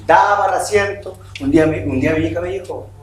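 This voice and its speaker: Animated preacher in an echoey hall. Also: male voice, fairly high pitch, fast. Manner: animated, asks the congregation "¿o no?" often. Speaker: pastor. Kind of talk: sermon. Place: church hall. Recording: echoey hall, distant mic, music behind.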